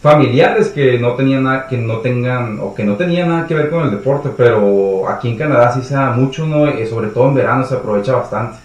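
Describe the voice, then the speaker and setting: A man's voice: medium pitch, brisk, hardly any pauses. A man hosting an interview, asking questions in a conversational way with many fillers. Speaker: host. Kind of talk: casual interview. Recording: echoey room, mic far off.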